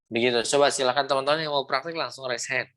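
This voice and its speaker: A man's voice: mid-range voice, fairly even intonation, fast, fairly bright tone. Patient male teacher on a video call. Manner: patient, repeats "seperti itu, ya" often, demonstrates sounds. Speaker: Quran recitation teacher. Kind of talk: online class instruction.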